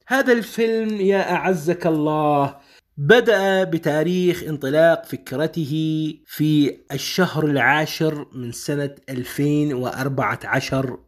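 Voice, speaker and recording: Syrian-accented man explaining, fairly high voice. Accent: Syrian Arabic. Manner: explains slowly, repeats points, addresses the listener directly. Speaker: founder of a publishing house, presenter. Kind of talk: explanatory talk to the listener.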